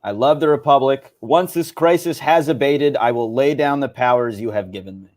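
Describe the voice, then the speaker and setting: A man's voice: medium pitch, normal speed, a little mellow, close to an everyday voice. A man putting on a sinister old emperor villain.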